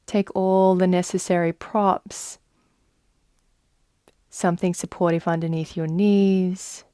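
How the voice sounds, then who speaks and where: Speaking as a yoga nidra guide, this woman paces her meditation very slowly and leaves long gaps between phrases. Her fairly low voice is soft and mellow, with a clear, resonant quality and a level, soothing delivery. The sound is close and dry, without any echo.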